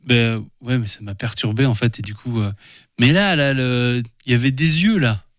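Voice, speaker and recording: A man playing a tabletop role-playing game, talking in an animated, rambling way. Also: medium pitch, normal speed, no room sound. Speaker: player. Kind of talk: tabletop role-play, in character. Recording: dry close mic.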